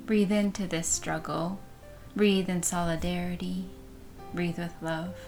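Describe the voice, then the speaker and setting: Female meditation guide, slightly low, soft soothing delivery at a very slow pace. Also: flat delivery, vocal fry, faint music behind.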